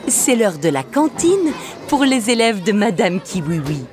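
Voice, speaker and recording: A woman reading a children's story aloud in a slow, expressive, sing-song way. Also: mid-range voice, over music, crowd noise.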